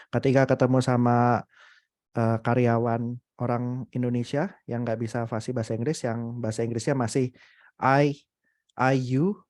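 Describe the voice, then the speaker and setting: A young adult man giving a casual, motivational webinar talk, animated and full of hesitant fillers. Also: mid-range voice, no echo. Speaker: webinar speaker.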